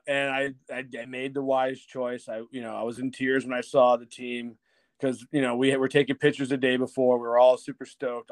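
Recorded dry, this medium-pitched middle-aged man is a podcast guest spinning a meandering yarn at his own expense. Laughter and free swearing run through it, along with false starts and imitations of other people's lines, all in a relaxed storytelling conversation.

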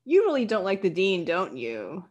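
A woman's voice: mid-range voice, huge pitch swings, moderate pace, a little mellow, muffled recording. A woman voicing a reluctant, evasive young man who protests politely and hesitantly in an improvised story. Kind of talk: improvised story role-play.

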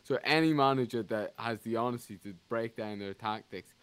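A man's voice: medium pitch, normal speed, clean tone, no room sound. A man co-hosting a football podcast, rambling and restarting his sentences in casual chat. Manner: rambling, restarts often, animated. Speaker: podcast co-host.

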